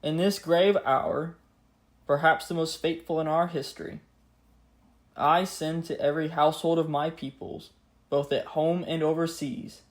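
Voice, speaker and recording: A man giving a scripted history narration in a grave, measured, earnest way, as a podcast host. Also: a little high. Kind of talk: scripted history narration with a solemn read-out speech.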